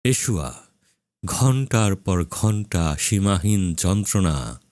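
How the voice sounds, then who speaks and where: A man preaching a dramatic sermon, slow and solemn, leaning hard on emphatic words with long pauses. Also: sits low, expressive, a little mellow, dry recording, studio quality.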